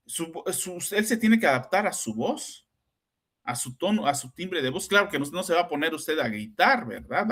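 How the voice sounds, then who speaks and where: A middle-aged Mexican man with a slightly bright, somewhat high voice hosts a podcast as a psychoanalyst. He tells anecdotes in a chatty, conversational way, often closing with tag questions, and speaks with a Mexican Spanish accent.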